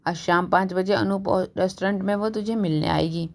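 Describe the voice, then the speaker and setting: A gruff, bossy father barks orders at his son, as a woman narrator puts him on. He speaks in short, scolding commands in a read-aloud story. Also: fairly low pitch, fairly even intonation, brisk, a little mellow. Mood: stern. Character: stern middle-aged father, bossy and gruff.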